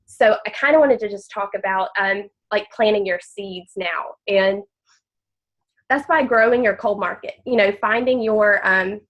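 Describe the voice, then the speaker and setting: A woman's voice: mid-range voice, measured pace, muffled recording. A woman with a nasal, congested voice from blocked sinuses, chatting openly about her story and tips on a group call. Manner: open, chatty, repeats words. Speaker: team member telling her story. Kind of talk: casual personal talk on a group call.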